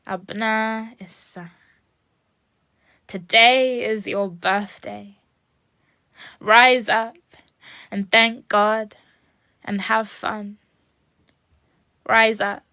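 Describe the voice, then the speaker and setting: A young woman from England reciting a personal spoken-word poem in a slow, soft, lyrical way, sometimes dropping to a whisper. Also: mid-range voice, steady tone, no echo, clean studio sound. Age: young adult. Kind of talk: spoken-word poetry performance.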